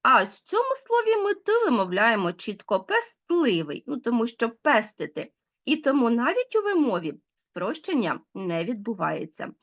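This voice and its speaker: In this recorded online language lesson for children, a woman teacher patiently explains and questions her pupils. Her voice is fairly high and a bit bright, swooping wildly in pitch, at a moderate pace.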